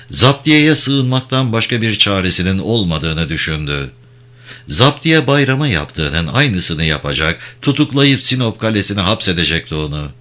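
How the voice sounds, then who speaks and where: A man's voice: sits low, pushed and bright. A man reading a novel aloud in intense, emphatic dramatic narration.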